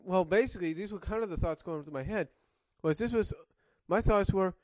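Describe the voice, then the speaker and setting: Talking fairly quickly in a high-sitting, darkish voice, a man gives casual commentary reviewing cartoons in a dry recording. He rambles, loops back to reword things, and coughs occasionally while sucking on a cough drop.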